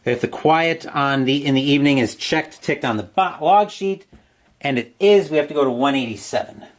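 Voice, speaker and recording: A man's voice: fairly high pitch, normal speed. A man playing a solo horror gamebook alone, reading the entries aloud with dramatic narration and asides about his dice rolls.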